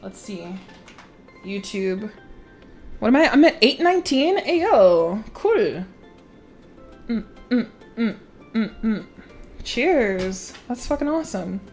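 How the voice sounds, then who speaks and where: A woman with a slightly high voice chats loosely to her stream while standing at her setup. She swears casually and keeps breaking into giggles. Soft music plays faintly under her. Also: very animated, slow pace, pauses often. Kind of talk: casual livestream chat.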